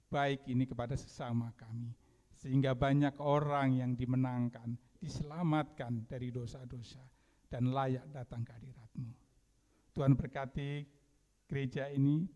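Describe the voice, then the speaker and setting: Man leading prayer in a reverberant church. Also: mid-range voice. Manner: earnest, measured prayer cadence. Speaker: worship leader. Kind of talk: church opening prayer and hymn introduction. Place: church sanctuary. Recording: long church hall reverb with music. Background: soft instrumental music.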